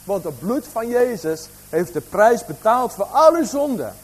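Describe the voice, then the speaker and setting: A man's voice: high voice, big pitch swings, a little slow, breathy edge, poor audio. A man preaching a sermon, asking the congregation questions, with a slight cough.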